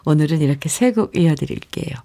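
A middle-aged woman hosting a radio show, reading a poem and listeners' letters in a gentle way and laughing often. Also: sits low, expressive, fast talker. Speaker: radio host. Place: radio studio. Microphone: studio microphone.

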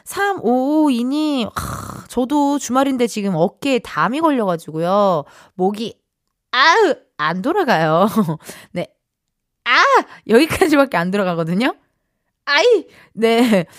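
In a studio, this young radio host chats in a bubbly, playful way, reading listeners' messages in put-on voices. Her voice is a little high and animated, at a measured pace with few pauses, picked up by a studio mic in a dry, echo-free recording with faint background music.

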